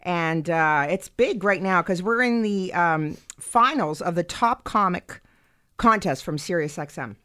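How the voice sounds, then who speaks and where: A woman's voice: on the low side, expressive, measured pace, a bit bright. A woman hosting a comedy talk show on the radio, chatting in an effusive, joking and self-deprecating way. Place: radio studio.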